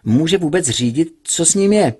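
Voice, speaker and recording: Cold furious villain boss, commanding, husky voice, male, read by a man. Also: fairly high pitch, lively intonation, a little mellow, pitched above the performer's own voice. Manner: commanding, icy.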